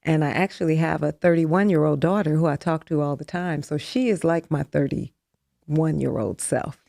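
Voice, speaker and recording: Guest in her 50s, woman with a low, gravelly voice, calm and measured. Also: dry recording, clean studio sound. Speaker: interview guest. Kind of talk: candid interview chat.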